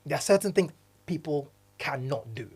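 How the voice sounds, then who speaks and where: A man's voice: on the high side, expressive, normal speed, a little mellow, slightly rough. A man from Nigeria co-hosting a podcast in casual chat, speaking earnestly and often restarting his phrases. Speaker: podcast co-host, diversity consultant.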